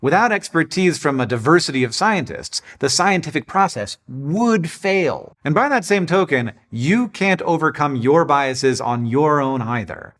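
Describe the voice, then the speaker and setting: A man hosting a scripted educational show, explaining with emphatic, lively delivery. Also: on the high side. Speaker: host.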